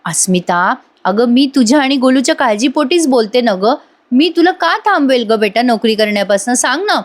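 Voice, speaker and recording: Woman doing an aggrieved middle-aged mother, plaintive, voice pitched up. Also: animated, normal speed, natural voice. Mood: hurt. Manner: hurt, plaintive.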